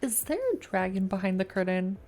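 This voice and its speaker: A woman's voice: mid-range voice, brisk, darkish tone, soft background music. A woman with an American accent giving casual live commentary as she streams a game. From United States. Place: indoors at a PC, game music behind.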